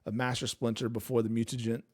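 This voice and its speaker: A man's voice: medium pitch, flat delivery, fast talker, darkish tone, breathy edge. A man hosting a casual movie trivia game with his brother, talking playfully and quoting lines. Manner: playful, quotes lines in put-on voices. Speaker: host. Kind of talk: casual chat, quiz hosting.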